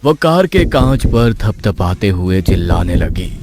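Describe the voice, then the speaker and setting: A man narrating an animated horror story in a hushed, suspenseful way. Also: low voice, measured pace.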